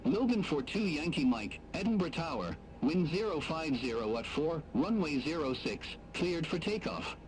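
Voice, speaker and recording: A man's voice: a little high, big pitch swings, normal speed, hardly any pauses, crowd noise, poor audio. A man acting as air traffic controller, heard as a radio transmission through a pilot's headset, with clipped radio phrasing.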